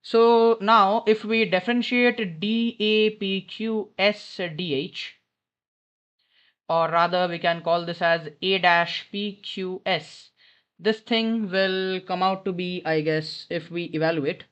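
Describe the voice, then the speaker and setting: A man's voice: sits high, fairly even intonation, slow, a bit bright, clean tone. Guy doing maths tutoring from an airport lounge, muffled lo-fi headphone mic, talks it through and keeps fixing himself. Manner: thinking aloud, often self-correcting. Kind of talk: informal maths problem walkthrough. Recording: dull lo-fi headset sound.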